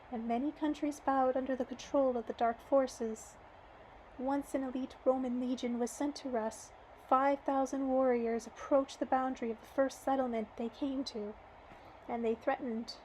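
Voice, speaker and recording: A woman reading an audiobook aloud, earnest and measured, her voice slightly hoarse. Her pitch is high and her tone mellow, with a faint hiss of background noise. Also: poor audio. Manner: earnest, measured, with occasional restarts. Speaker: audiobook reader.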